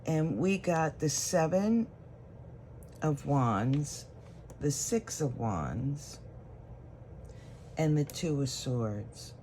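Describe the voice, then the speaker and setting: This tarot reader's medium-pitched voice is expressive with a dark tone, speaking straight to the viewer and reasoning aloud at an easy pace as cards are drawn. A little hiss or hum sits under the recording.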